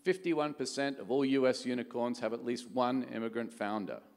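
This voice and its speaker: This is a brisk, slightly mellow mid-range male voice: a middle-aged Australian venture capital executive giving a keynote. He talks conversationally and often poses rhetorical questions, and the large conference hall adds echo and long reverb.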